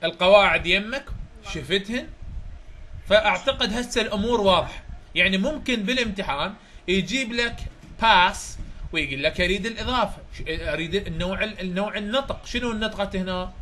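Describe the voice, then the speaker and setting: A man's voice: high-pitched, animated, brisk, sharp tone, a little hiss or hum. A man with an Iraqi Arabic accent, working through a grammar chapter review and checking that his students follow. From Iraq. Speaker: English grammar tutor.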